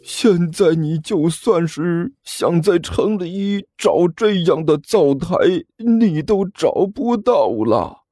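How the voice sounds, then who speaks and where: A man voicing a stubborn, sentimental older male master who speaks slowly and with feeling. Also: high-pitched, lively intonation, warm tone, no room sound, clean studio sound, faint music behind, voice pushed up, heavily acted. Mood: sentimental, insistent. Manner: slow, drawn-out, emotional.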